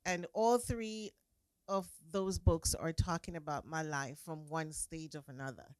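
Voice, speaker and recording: Jamaican woman, interview guest, low-pitched, soft and earnest, dry sound. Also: fairly even intonation, unhurried, clear, resonant tone, no room sound. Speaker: guest, author and preacher. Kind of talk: casual interview.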